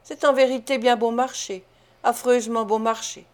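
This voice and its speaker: A woman's voice: a little high, fairly even intonation, normal speed, a little mellow, natural voice. Woman reader as pompous blustering male official, lordly tone, audiobook. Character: pompous self-important male parish beadle.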